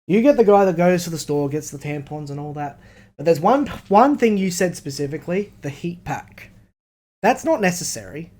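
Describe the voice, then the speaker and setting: An Australian podcast co-host trades casual banter with his mates, blunt, emphatic and swearing plenty. His voice is on the high side, expressive and darkish in tone, at a normal speed.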